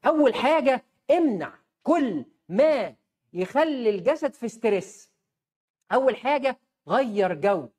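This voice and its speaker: A woman's voice: mid-range voice, a little mellow. A woman doctor with an Egyptian accent giving a health advice talk, emphatic and posing rhetorical questions she then answers herself. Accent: Egyptian Arabic.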